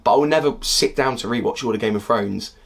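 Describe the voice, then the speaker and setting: A young man in his twenties with a husky voice, talking through a casual critique of a TV series in a heated, exasperated way. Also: medium pitch, quick pace. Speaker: video critic.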